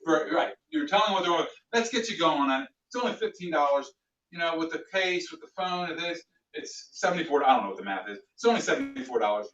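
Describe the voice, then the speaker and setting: Animated male sales trainer, echoey room. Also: on the high side, quick pace. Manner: animated, plays out customer dialogues. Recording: echoey room, distant mic, dull sound.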